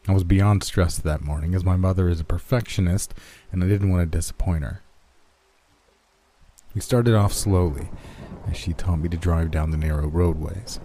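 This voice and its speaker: A man giving scripted narration of scary stories in a measured, steady way. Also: low-pitched. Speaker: horror story narrator.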